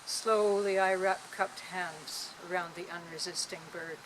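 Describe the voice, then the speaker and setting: A woman poet reciting her poems to a small audience in an outdoor park, with a gentle, lilting delivery. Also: lowish voice, fairly even intonation, measured pace, noisy background.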